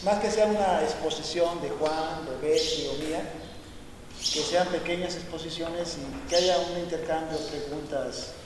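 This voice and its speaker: A man hosting a union meeting, inviting an open exchange of questions in a measured way. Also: on the high side. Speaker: union host. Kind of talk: opening a meeting. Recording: echoey, noisy hall.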